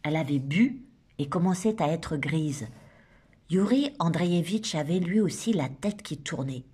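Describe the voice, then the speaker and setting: A woman with a fairly low voice narrates a novel in a steady, measured read-aloud. Her delivery stays even and clear, with no rush. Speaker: audiobook reader.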